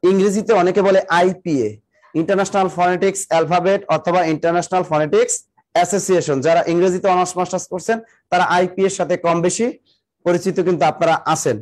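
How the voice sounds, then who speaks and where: A male teacher giving a live online exam-prep class, repeating definitions slowly so students can write them down and urging them to hurry. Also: sits high, fairly even intonation, darkish tone. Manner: talks to viewers directly, greeting them by name and district.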